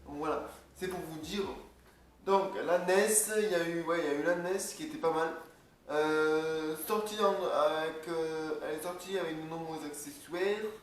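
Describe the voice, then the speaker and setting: A man's voice: on the high side, fairly even intonation, normal speed. A young man casually vlogging, rambling and joking while reading from his notes. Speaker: video creator. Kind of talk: casual vlog talk. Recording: echoey room, far from mic, faint noise.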